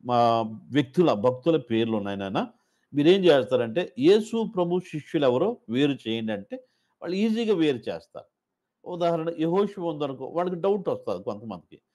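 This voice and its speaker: A man's voice: mid-range voice, a little mellow. A man training Sunday school teachers, explaining methods step by step in a loose, informal way. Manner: explains step by step, with many fillers and restarts. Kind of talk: instructional talk.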